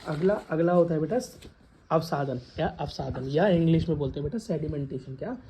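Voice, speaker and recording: A man's voice: on the high side, brisk, warm tone, a little hiss or hum. A male teacher with a Western Uttar Pradesh Hindi accent giving a classroom science lecture, calling students beta and asking questions to the class. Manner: addresses students as beta, asks and repeats questions.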